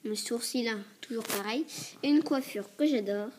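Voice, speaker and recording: A woman with a rough, hoarse voice pitched a little high talks her way through a casual show-and-tell review. She rambles, hesitates, corrects herself and keeps coughing and clearing her throat. It sounds like it was picked up by a tablet's built-in mic. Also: moderate pace, darkish tone. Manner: chatty and hesitant, many fillers and self-corrections. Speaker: doll reviewer.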